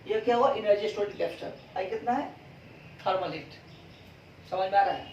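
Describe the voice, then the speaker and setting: A man's voice: high-pitched, a little fast, darkish tone, lo-fi sound, slight background noise. A male physics teacher giving a classroom lecture, asking questions and answering them himself. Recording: roomy classroom sound from a distance.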